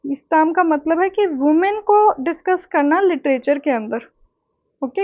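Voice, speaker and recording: A woman with a high voice teaches an exam-prep lesson at an unhurried pace, mixing Hindi and English. She explains each term step by step and keeps checking that her listeners follow. The sound is dry and a little dull. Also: darkish tone, no room sound. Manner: slow, deliberate delivery with checking asides.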